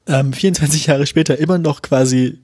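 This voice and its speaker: A man's voice: a little high, brisk, darkish tone, husky, no room sound, studio quality. A man co-hosting a casual podcast chat, chatty and laughing often. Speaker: podcast co-host.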